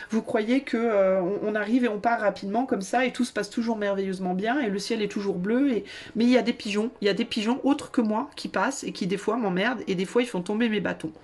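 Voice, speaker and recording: A woman voicing a restless male tarot card who rambles about always rushing and crashing into things, full of hesitant restarts. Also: mid-range voice, darkish tone, close to an everyday voice.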